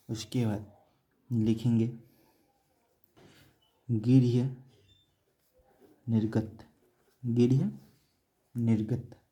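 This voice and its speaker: A man teaching Sanskrit grammar in a classroom-style lesson, repeating each word slowly and asking and answering his own questions. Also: on the low side, dark tone, breathy edge. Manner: says "theek hai" after nearly every point.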